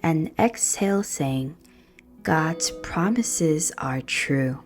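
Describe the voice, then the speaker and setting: With soft guitar in the background, a woman's low voice leads a prayerful meditation. She's animated yet very slow and soothing, leaving deliberate pauses between phrases.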